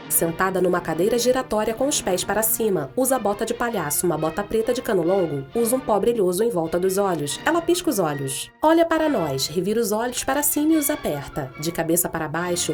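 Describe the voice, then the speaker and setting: A woman reading scripted audio description as narration for a children's show. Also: medium pitch.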